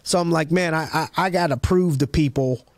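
Hyped podcast host, dry sound. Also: male voice, fairly high pitch, moderate pace, no echo. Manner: hyped, rambling, many restarts and slang. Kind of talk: casual interview chat.

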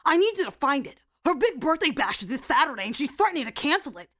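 A woman voicing a seven-year-old boy police captain who is bossy, goofy and excitable. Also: sits high, quick pace, music in the background.

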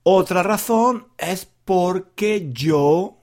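A man from Granada teaching Spanish to learners, talking slowly and clearly, pronouncing every syllable and repeating himself often. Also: sits high. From Granada, Spain. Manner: deliberate, carefully enunciated, repetitive. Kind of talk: slow teaching monologue for learners.

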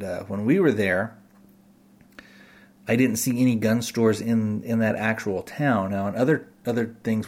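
An American podcast host with a fairly low, darkish voice talks unscripted to his listeners. He rambles tentatively, thinking aloud as he goes.

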